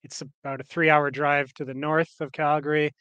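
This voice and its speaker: Canadian guy on a podcast, kinda high voice, rambles w lots of ums, dry close mic. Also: flat delivery, moderate pace, pushed and bright, clean tone, no room sound, highs cut off. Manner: rambling, many fillers and restarts. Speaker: podcast co-host. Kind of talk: casual podcast chat.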